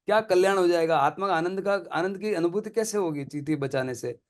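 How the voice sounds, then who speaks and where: Guy with a high voice chatting about spiritual stuff, earnest, repeats himself a lot. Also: fairly quick. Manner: earnest, colloquial, repeats phrases for emphasis; laughs between points. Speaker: spiritual teacher in conversation. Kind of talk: casual spiritual discussion.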